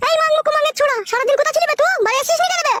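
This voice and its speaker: A woman voicing a shrill, foul-mouthed young wife, screeching insults in a comic skit. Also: rapid-fire, very noisy. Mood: raging.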